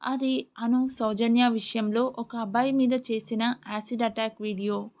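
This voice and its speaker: Woman reading a serial love story, steady, kinda muffled audio. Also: fairly high pitch, unhurried. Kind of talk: audiobook narration. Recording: muffled lo-fi recording.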